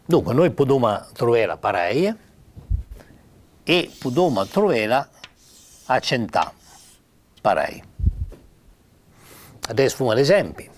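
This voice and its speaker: An older man with a Piedmontese accent giving an informal spoken lesson on spelling, halting with many pauses and fillers. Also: medium pitch, sing-song. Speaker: writer teaching Piedmontese spelling.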